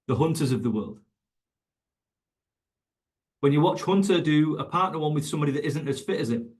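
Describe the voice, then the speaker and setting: A man teaching coaches in an online webinar, emphatic and conversational, repeating his key points. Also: on the high side. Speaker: fitness coach educator.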